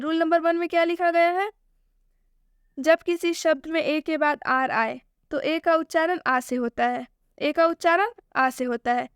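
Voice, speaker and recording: A woman teaches pronunciation in a high, clear voice. She keeps asking her own questions and answering them. The recording is dry and close, with no room sound. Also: dry recording. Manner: repeats key points as questions and answers them. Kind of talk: screen-based video lesson.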